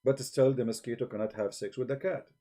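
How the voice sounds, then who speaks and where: Speaking a little fast with a steady, mellow tone at medium pitch, a man hosts a live stream through a desk microphone. He argues bluntly and challengingly in broken English.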